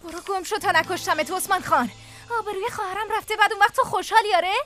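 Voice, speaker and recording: A sharp-tongued young village daughter, bossy but caring, scolding and giving orders. Her voice sits high. Loud music plays behind her. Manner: scolding, commanding.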